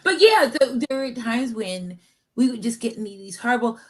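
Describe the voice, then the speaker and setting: A woman's voice: fairly high pitch, expressive, normal speed, a bit bright, rough recording. A woman hosting a casual chat, telling candid, self-mocking stories. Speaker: podcast host.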